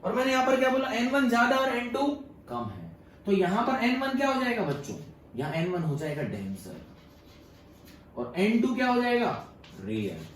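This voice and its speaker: A man's voice: very high voice, sing-song, normal speed, slight background noise. A young man teaching physics to a class, mixing Hindi with English and often checking "yes or no?" with his students. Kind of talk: classroom lecture. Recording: echoey room, voice from far off.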